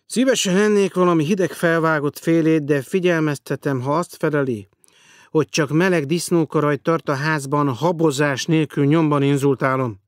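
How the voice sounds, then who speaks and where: A man's voice: on the high side, no echo, voice pushed up, close to an everyday voice. A man voicing a sardonic gray-haired self-declared dead man. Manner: dry, sarcastic, demanding. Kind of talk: audiobook character voice.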